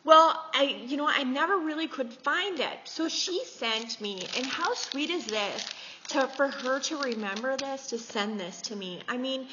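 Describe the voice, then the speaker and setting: Bright-voiced giggly midwestern woman in her forties. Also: high-pitched, measured pace. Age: 40s. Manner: chatty and giggly, gushing. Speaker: beauty vlogger. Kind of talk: casual chat showing gifts. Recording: echoey, slightly dull with faint hiss.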